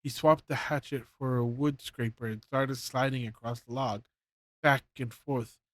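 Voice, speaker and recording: In a medium-pitched voice with fairly even intonation, a man reads a bedtime story aloud to his stream chat at a measured pace. The delivery is casual, and he often stumbles, rereading and correcting his lines. There is no room sound.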